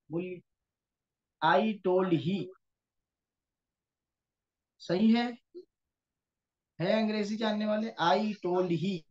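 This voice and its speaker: A man teaching an online grammar lesson, explaining patiently and often checking in with his students, over a computer mic on a video call. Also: high-pitched. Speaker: Quranic Arabic teacher. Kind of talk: online class lecture. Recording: dull lo-fi online class audio.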